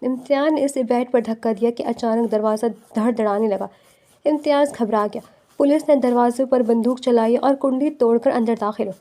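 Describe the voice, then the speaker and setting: A woman reads a romance novel aloud in a steady storytelling manner. Her voice sits high, but its tone is dark and mellow. It is scripted narration.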